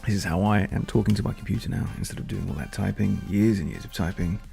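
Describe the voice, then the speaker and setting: Deep, gravelly man coding live. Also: steady tone, fast talker, mellow, faint music behind. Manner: thinking aloud, rambling with restarts. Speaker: software developer live-streaming. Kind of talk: casual live coding stream.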